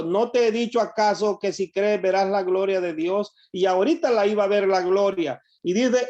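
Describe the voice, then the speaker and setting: Guy preaching, pretty high pitched, reading bible verses and explaining as he goes, muffled lo-fi recording. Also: a little mellow. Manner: reads verses aloud and comments on them to the congregation. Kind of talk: sermon reading and explaining scripture. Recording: dull lo-fi recording.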